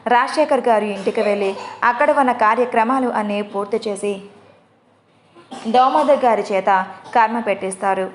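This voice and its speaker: A woman's voice: fairly high pitch, normal speed, pauses often. Woman narrating a storybook.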